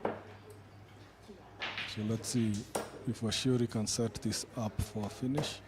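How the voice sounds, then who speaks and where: A man's voice: mid-range voice, takes it slowly. Guy doing live darts commentary, medium voice, noisy background. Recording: clearly noisy live event sound.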